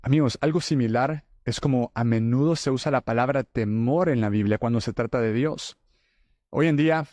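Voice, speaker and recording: Guy hosting a faith podcast, dark mellow voice, dry close sound, earnest and chatty. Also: mid-range voice, no room sound. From El Salvador. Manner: earnest, conversational preaching. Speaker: podcast host.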